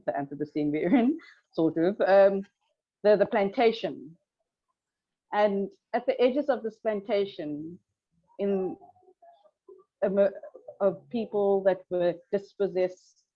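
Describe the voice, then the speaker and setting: A woman with a lowish voice speaks on a panel through a group video call, her audio dull and lo-fi. She talks in a thoughtful, halting way, with many fillers and restarts. She sounds like a teacher reflecting aloud. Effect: heard over a group video call. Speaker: environmental studies teacher on a panel. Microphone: computer mic on a video call.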